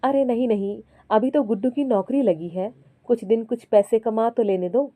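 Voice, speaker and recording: A woman voicing a hardworking, devoted mother who speaks quietly and softly. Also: fairly high pitch, moderate pace, no echo, natural voice. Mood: gentle. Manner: quiet, soft-spoken.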